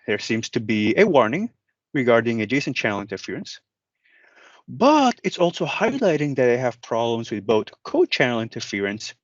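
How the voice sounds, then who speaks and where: A product manager presents a software walk-through tutorial, explaining each step conversationally and directly to the viewer. His mid-range voice comes through a dry, lo-fi recording.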